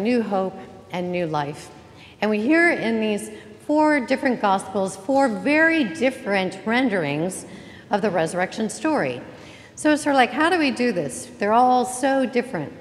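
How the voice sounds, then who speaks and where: Woman pastor, casual joking sermon, mid-pitched voice, long church reverb. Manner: chatty, joking, warm welcomes to the congregation. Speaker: interim pastor. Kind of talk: Easter sermon. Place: church sanctuary. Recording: reverberant church hall, faint ambience.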